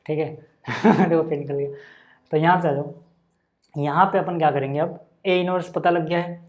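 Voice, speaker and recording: A man's voice: fairly high pitch, a little mellow. A male maths teacher giving a casual, chatty lesson, thinking aloud as he works through problems and speaking to his students like friends. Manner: thinks aloud while working through sums. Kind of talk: casual screen-share lesson.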